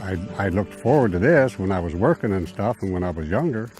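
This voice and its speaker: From inside his travel trailer, an older man rambles in a relaxed, folksy way about living full time on the road, telling stories conversationally. His low voice has lively intonation and moves a little fast, with loud guitar music playing behind him.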